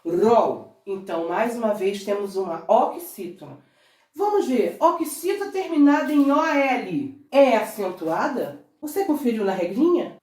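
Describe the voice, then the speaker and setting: Woman teacher, Brazilian accent, animated pitch, coaxing, drawn-out words, classroom. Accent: Brazilian Portuguese. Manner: lively and coaxing, stretches out words syllable by syllable. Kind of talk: recorded grammar lesson for children. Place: classroom at a board. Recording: roomy sound, from a distance.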